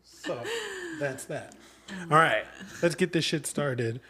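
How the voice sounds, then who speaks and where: A man's voice: on the high side, expressive, slow pace, pushed and bright, slightly rough. A man in his thirties hosting a podcast in loose, joking casual chat, swearing freely. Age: 30s. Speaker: podcast host.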